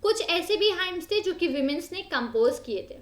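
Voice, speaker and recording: High-voiced woman teaching in an echoey room. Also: animated. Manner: explains in Hindi, slowly reads English textbook lines; repeats and rephrases, frequent fillers. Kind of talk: exam-prep history lecture.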